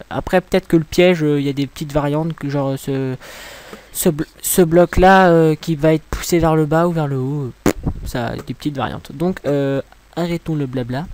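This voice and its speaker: A man's voice: on the high side, darkish tone, smooth. A young man from France giving a casual, rambling game tutorial commentary, mocking himself and swearing when things go wrong. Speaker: gaming tutorial creator.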